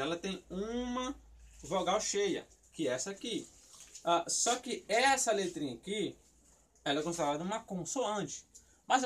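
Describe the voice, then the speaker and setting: Speaking with a Brazilian Portuguese accent, a man with a high-pitched, somewhat bright voice explains Hebrew syllables in a recorded lesson. He asks himself questions and answers them, frequently repeating words while he thinks things through.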